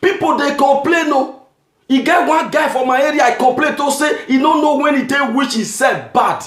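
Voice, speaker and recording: A man from Nigeria with a Nigerian Pidgin accent, doing a comic monologue, shouting his punchlines and laughing at his own jokes. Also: very high voice, moderate pace. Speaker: stand-up comedian. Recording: echoey room with music behind.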